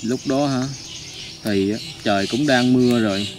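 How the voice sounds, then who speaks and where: A man with a Southern Vietnamese accent recounts a story in an earnest, colloquial way, his voice sitting at an ordinary middle pitch. He is recorded outdoors in the countryside, with faint rural ambience and animal sounds in the background. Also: normal speed, background noise. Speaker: storyteller recounting a family tragedy. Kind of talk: casual spoken storytelling.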